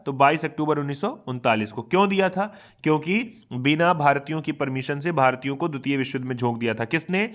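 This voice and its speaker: Man, teacher, rapid revision lecture, bright ringing voice, somewhat high, self-quizzing. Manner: quizzes himself aloud, keeps asking "ठीक बात है ना". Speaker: exam coaching teacher. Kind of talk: fast online revision lecture.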